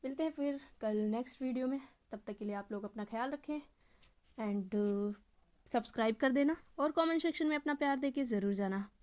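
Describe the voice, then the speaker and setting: A woman storyteller narrating a romance in a chatty, casual way, often dropping to a soft near-whisper. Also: on the high side, a little fast.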